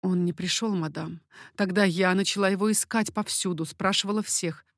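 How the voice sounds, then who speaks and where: A woman's voice: lowish voice, steady tone, normal speed, no room sound, studio quality. A woman voicing an anxious young baroness in an audiobook, pleading urgently.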